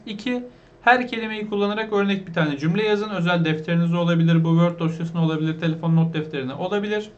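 A man with a fairly high voice teaches an online English lesson. He explains slowly and patiently, repeats each word and quizzes his viewers as he goes. The recording sounds dull and lo-fi. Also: fairly bright tone.

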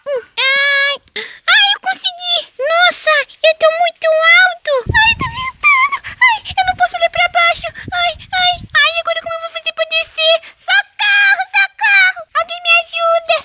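A woman's voice: very high-pitched, lively intonation, normal speed, sharp tone, pitched above the performer's own voice, heavily acted. A girl voicing a mischievous, curious little boy who squeals and whines. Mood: scared. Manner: squealing, whiny, exclaiming.

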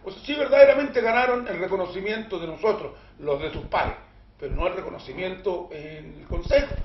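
A high-pitched Chilean man hosting a talk show, telling stories with emphatic, joking energy. The sound is dull and echoey, with faint room noise underneath. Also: fairly quick. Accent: Chilean Spanish. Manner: animated, emphatic storyteller with jokes. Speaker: host. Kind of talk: casual studio chat.

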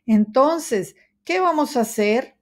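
A woman voicing a small, worried male mouse with high, anxious exclamations in a children's storybook. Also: expressive, takes it slowly. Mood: fretful.

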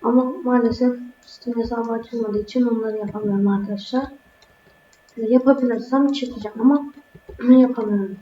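A woman's voice: on the high side, steady tone, brisk, echoey room, highs cut off, slight background noise. A woman giving let's-play commentary to her viewers, keeping her voice down, now and then crying out when startled. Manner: talks to viewers, easily startled, exclaims when scared; keeps voice down, speaks softly. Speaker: gaming YouTuber. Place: indoor room at home.

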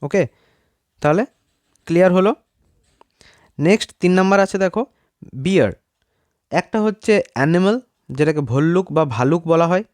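A man's voice: high-pitched, moderate pace, pauses often, a little mellow, no echo. A man teaching an English grammar lesson in a casual, explanatory way, calling his viewers friends and saying "okay" between points.

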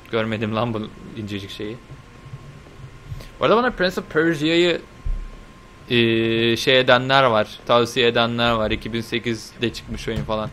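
A young man giving casual, chatty commentary while playing a video game, talking to the game and swearing lightly with sudden excited outbursts. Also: fairly low pitch, a little hiss or hum. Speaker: gameplay video host. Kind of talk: casual let's-play commentary.

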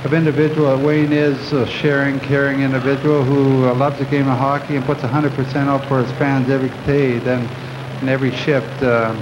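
An older man answering questions at a press conference, halting and reflective, with many pauses. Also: mid-range voice, level tone. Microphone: table microphones at the podium. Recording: dull, noisy old video recording.

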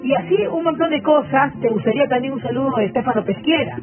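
A woman's voice: high voice, quick pace. A middle-aged woman doing an informal live report and interviewing as a field reporter. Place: room in a home, indoors. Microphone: handheld microphone. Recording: tinny phone-like live feed, music behind.

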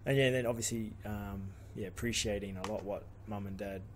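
A man's voice: fairly low pitch, fairly even intonation, fairly quick, slight background noise. A man in his late twenties with an Australian accent, a guest on a podcast, speaking in a reflective, hesitant way with many fillers. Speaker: guest, rugby league player. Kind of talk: podcast interview. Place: small studio with curtain backdrop. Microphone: studio mic on boom arm.

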